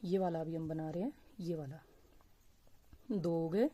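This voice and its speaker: Woman, crochet tutorial, patient step-by-step explaining, low mellow voice. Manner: slow, patient, counts stitches aloud. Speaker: crochet teacher.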